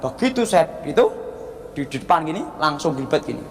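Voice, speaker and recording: A man, a pastor giving a sermon testimony and telling his story with acted-out dialogue and loud exclamations. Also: a little high, big pitch swings, a little fast. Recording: long reverb of a large hall.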